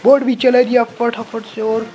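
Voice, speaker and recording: A man giving excited let's-play commentary as a gaming channel host. He yelps, repeats words over and over, and keeps calling the viewer brother. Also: very high voice, measured pace, slight background noise.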